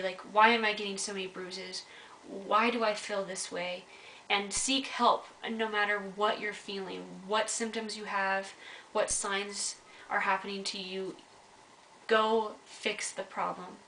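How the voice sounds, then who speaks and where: A young woman shares a personal story to camera, candid and earnest, her voice bright and clear. The mic sits a little back in a roomy, echoing space with a faint hiss underneath. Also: medium pitch, distant mic. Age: young adult. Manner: earnest, candid, urges viewers directly. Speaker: vlogger.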